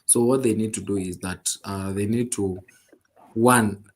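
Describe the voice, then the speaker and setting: A man's voice: fairly low pitch, steady tone, unhurried, slightly rough. A man explaining his points as a panelist.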